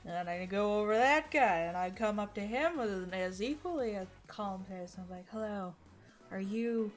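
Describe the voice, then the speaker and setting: A woman's voice: medium pitch, animated, normal speed, faint music behind. A woman playing a tabletop game, curious and questioning. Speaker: player. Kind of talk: tabletop role-play.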